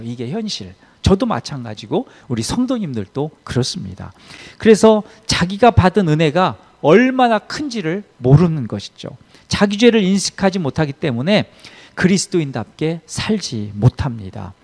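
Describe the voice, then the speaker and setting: A man preaching a Sunday sermon as pastor, telling a story with emphatic swings in loudness. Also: a little high, vocal fry.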